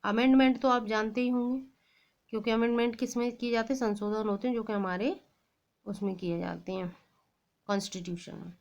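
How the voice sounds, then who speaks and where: A woman's voice: fairly high pitch, steady tone, fairly quick, darkish tone, highs cut off. A woman with an Indian accent teaching an exam lesson, reading out quiz questions and naming the answers, mixing Hindi and English. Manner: reads each question, then names the answer with "it is guys".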